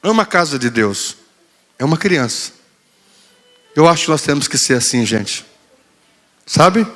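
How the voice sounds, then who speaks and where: A man's voice: a little high, big pitch swings, measured pace, a bit bright, long reverb tail. A male pastor preaching a sermon, telling a story in a playful way and acting out quotes. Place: church hall.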